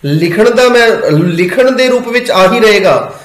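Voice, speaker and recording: A man's voice: high-pitched, lively intonation, measured pace, echoey room, poor audio. A man giving a patient pronunciation lesson, asking questions and answering them himself. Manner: patient, asks and answers his own questions. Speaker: Gurbani pronunciation teacher. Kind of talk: step-by-step spoken lesson.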